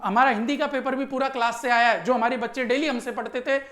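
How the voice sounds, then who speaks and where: A male teacher going briskly through an exam answer key, emphatic and constantly checking in with his students. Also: extremely high pitch, steady tone, a bit bright, roomy sound.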